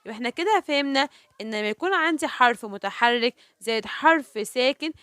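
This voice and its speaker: A woman with an Egyptian Arabic accent teaching a children's reading lesson. She asks questions and answers them herself, and stretches example words out slowly, syllable by syllable. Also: fairly high pitch, lively intonation, a bit bright, clean tone, no room sound.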